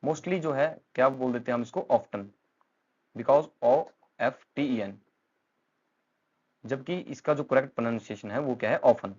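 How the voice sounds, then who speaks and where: A man's voice: medium pitch, normal speed, darkish tone, lo-fi sound. Indian man teaching pronunciation patiently. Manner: patient, repeats words, frequent fillers and self-corrections. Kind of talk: explanatory lesson in Hindi mixed with English.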